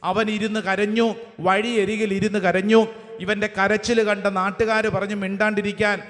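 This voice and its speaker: A priest with a high-set voice delivers a sermon, calling out verses one phrase at a time for the listeners to repeat. His words ring out with a long reverb, as if spoken in a large church hall. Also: level tone, normal speed, fairly bright tone. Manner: cites verses with English chapter numbers. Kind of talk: sermon with call-and-response.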